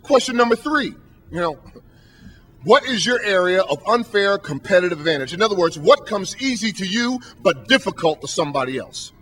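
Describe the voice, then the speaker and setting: A man's voice: sits high, lively intonation, brisk, pushed and bright. A man giving a motivational speech from a podium, emphatic and preacher-like, driving his points home with rhetorical questions. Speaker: motivational speaker and professor. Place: stage at a podium.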